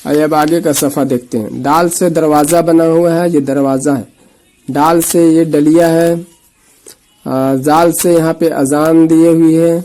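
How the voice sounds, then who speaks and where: A man teaching the Urdu alphabet, patiently repeating letter names slowly and explaining each letter. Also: a little high, fairly even intonation, warm tone, low-quality recording. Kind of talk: slow letter-by-letter reading lesson.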